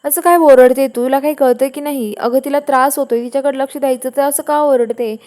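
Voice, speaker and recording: A woman doing an impatient young man, high and mellow. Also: steady tone, fast talker, close to an everyday voice. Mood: pleading. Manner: pleading then firm, talks down to listener. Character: young man defending his ill girlfriend, impatient.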